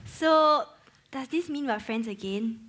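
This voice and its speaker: A woman's voice: high-pitched, takes it slowly, fairly bright tone, full character voice. A young woman, acting in a student play as a former mean girl who is now awkwardly and eagerly trying to be nice. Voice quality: awkward, overeager.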